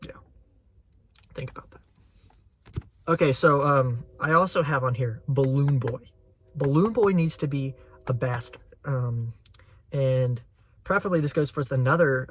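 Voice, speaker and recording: A young man hosting his own channel, chatting casually and excitedly as a fan with a rambling flow. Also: medium pitch, slight background noise. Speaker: channel host. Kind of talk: casual chat.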